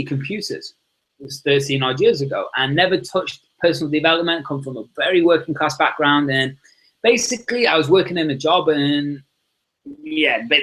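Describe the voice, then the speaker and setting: A man from Liverpool, England, a success coach guesting on a podcast, chats casually and enthusiastically, rambling and calling everyone "man" and "dude." His voice is a little high and a bit bright, and the audio is poor.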